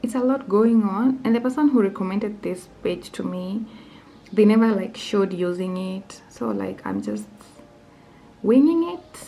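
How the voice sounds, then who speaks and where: A woman's voice: medium pitch, lively intonation, a little slow, dark tone, soft background music, poor audio. A young woman vlogging casually, thinking aloud, nervous and often dropping to a whisper. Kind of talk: casual vlog narration.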